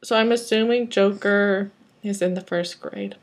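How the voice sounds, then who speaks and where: A woman's voice: medium pitch, steady tone, measured pace. Woman reading fanfic aloud, casual and rambling, wry asides between passages. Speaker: reader.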